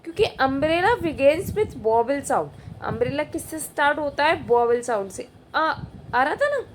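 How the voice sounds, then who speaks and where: A woman's voice: high-pitched, a little hiss or hum. A woman teacher going through an exam prep lesson, asking questions aloud and answering them herself, repeating the key answers.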